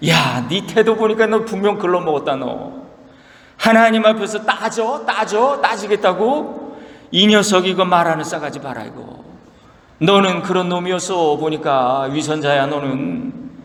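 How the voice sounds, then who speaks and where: A man's voice: on the high side, very animated, normal speed, vocal fry. A man voicing self-righteous male friends who scold and accuse a suffering man. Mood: contemptuous. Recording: echoey hall reverb.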